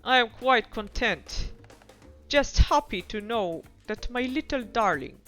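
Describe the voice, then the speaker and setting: A woman voicing a doting ghostly old Russian mother in a mock Russian accent, slowly, while reading a dating game aloud on stream. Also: on the high side, expressive, fairly bright tone, soft background music. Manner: slow, doting, clumsy put-on accent.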